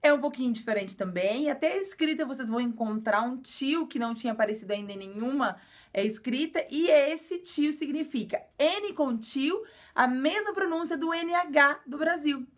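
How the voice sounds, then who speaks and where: Brazilian woman, high voice, casual video teacher who repeats and explains patiently. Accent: Brazilian Portuguese. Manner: explains slowly and repeats words, frequent filler "é". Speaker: language teacher.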